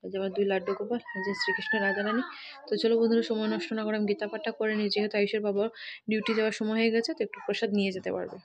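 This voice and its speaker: A chatty woman from Assam, India, films at her village home's kitchen and yard and talks to her viewers as friends in casual vlog narration. She speaks rapid-fire in a sing-song, mid-range voice with a Sylheti-influenced Bengali accent.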